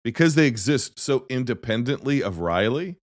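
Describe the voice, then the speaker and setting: In a dry, clean studio recording, a podcast host with a mid-range voice talks films casually at a moderate pace. His storytelling is animated and rambling, and he keeps cutting himself off.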